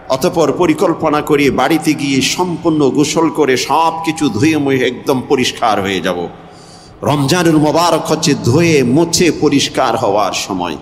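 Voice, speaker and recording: A man's voice: on the high side, long reverb tail, a little hiss or hum. A man preaching a Bengali waz sermon, repeating phrases in rhythm and swinging his voice up and down for emphasis. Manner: rhythmic repetition, voice rising and falling for emphasis.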